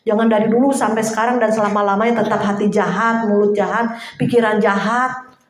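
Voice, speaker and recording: A woman preaching an informal sermon to a small house church, chatty and lively, laughing now and then and acting out little quotes. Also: medium pitch, fairly quick, reverberant.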